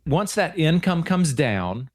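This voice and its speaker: A man's voice: a little high, big pitch swings, takes it slowly. A man in his forties, a financial advisor hosting a show, talking in an earnest, chatty way and often repeating himself. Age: 40s. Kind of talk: casual radio-show chat.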